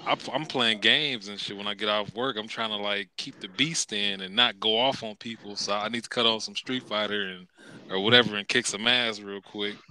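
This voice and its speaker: A man's voice: on the low side, bright, forceful tone, slight background noise, poor audio. A man on a round table panel, speaking hesitantly with repeated words and a chuckle. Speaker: panel guest. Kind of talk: casual round table chat.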